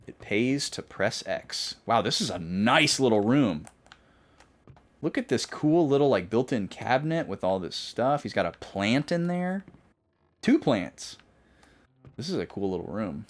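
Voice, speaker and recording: A man's voice: mid-range voice, big pitch swings, a little slow. A man streaming a video game, thinking aloud and joking as he takes notes. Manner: thinking aloud, jokey, note-taking. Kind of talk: casual gameplay commentary.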